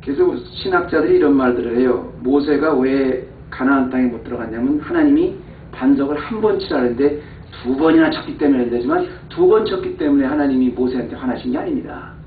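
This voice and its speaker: A man preaching a sermon as pastor, dropping to low, quiet asides and rising to heated emphasis, acting out exasperated complaints. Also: a little fast, phone-quality sound, a little hiss or hum. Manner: acts out quoted complaints in an exasperated voice. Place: church sanctuary. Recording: echoey, far-off, phone-thin church recording.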